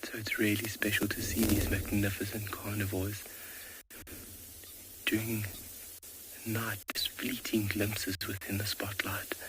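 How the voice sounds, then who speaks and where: Safari guide, man, low and even, hushed whisper outdoors with steady ambient noise. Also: measured pace, long pauses. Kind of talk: whispered live wildlife commentary. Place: outdoors at a watering hole.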